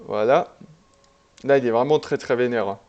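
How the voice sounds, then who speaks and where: A man's voice: medium pitch, moderate pace, lo-fi sound. Chatty man commenting his game replay. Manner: relaxed, chatty, many fillers and restarts. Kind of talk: casual gameplay commentary.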